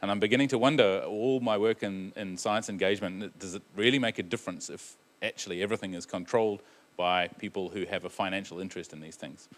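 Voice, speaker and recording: A man's voice: low voice, steady tone, quick pace. A man on a panel speaking wryly and with frustration, with hesitant fillers. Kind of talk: panel answer.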